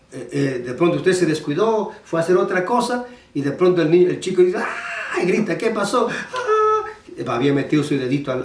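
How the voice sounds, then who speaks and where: Pastor with a lively, echoey voice. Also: male voice, fairly high pitch. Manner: conversational preaching with many restarts and fillers. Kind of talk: sermon. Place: church. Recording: echoey church hall, mic at a distance.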